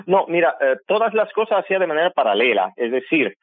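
A man's voice: fairly high pitch, big pitch swings, fast, dry recording. A man from Armenia, a native Armenian speaker, chatting cheerfully about his life as a musician during a remote interview, laughing often. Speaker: guest musician. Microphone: phone or video call. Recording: tinny dry call line.

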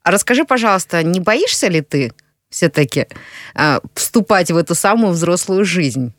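A woman's voice: fairly low pitch, sing-song, normal speed, dry recording. Encouraging woman interviewer, dry sound. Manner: encouraging, supportive questioning. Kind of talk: interview questions.

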